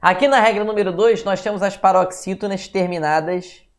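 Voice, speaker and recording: A man's voice: sits high, brisk. A man with a Brazilian Portuguese accent teaching a live online grammar lesson for exam prep, chatty and often checking in with his viewers. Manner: chatty, keeps checking in with "beleza?" and greets viewers by name.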